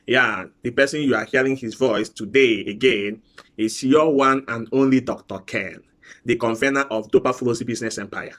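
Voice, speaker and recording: A man giving a business coaching talk, repeating key phrases with slow, preacher-like emphasis. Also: mid-range voice, fairly bright tone.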